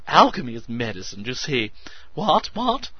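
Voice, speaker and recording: A man voicing a skinny, eccentric male alchemist who talks in a shrill, piping, hysterical gush. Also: wildly swooping pitch, a little slow, husky, dry recording, muffled recording, exaggerated voice. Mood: hysterically excited. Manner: hysterical, breathless, gushing.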